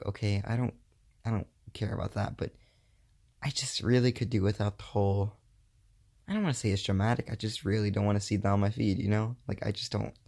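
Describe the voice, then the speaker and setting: A man's voice: on the low side, vocal fry, a little mellow. A young man hosting a casual solo podcast, rambling and correcting himself with lots of fillers. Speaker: podcast host.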